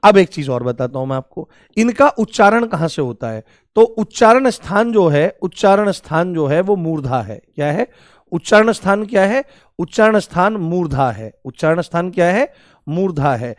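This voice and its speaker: His voice sits high and sounds expressive as he moves at a normal speed through a grammar lesson, answering the questions he poses. The man fondly calls his learners "babu." The recording is dry and of studio quality.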